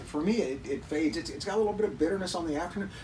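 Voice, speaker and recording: Fast-talking man giving tasting notes. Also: a little high. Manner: analytical, describes tasting notes in detail. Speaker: whiskey review co-host. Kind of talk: casual tasting chat. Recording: distant mic, noisy room.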